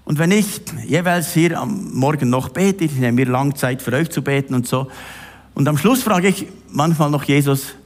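A man's voice: fairly high pitch, moderate pace. A middle-aged man preaching a sermon, addressing the listener directly and with emphasis.

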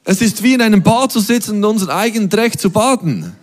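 Male church interpreter, slightly high voice. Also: lively intonation. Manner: echoes each phrase quickly, with small restarts. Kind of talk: live sermon interpretation.

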